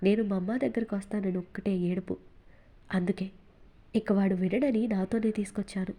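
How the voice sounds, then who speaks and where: A woman's voice: medium pitch, fairly even intonation, normal speed, dark tone, natural voice. A woman reading the part of a commanding young man who teases his partner and protects his family, in an audiobook novel. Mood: reassuring. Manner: bossy and playfully teasing.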